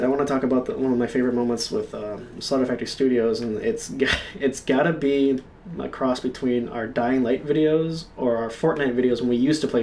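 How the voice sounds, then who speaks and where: A man hosting a gaming channel, telling stories in a rambling, halting way with lots of swearing. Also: medium pitch, darkish tone, distant mic. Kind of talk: casual solo storytelling stream.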